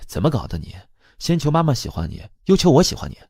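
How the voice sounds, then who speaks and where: A man's voice: a little high, sing-song, fast, gravelly, mellow, husky, no echo, clean studio sound, voice pushed up, full character voice. A man voicing a cold, blunt older sister who talks in a cool, matter-of-fact way.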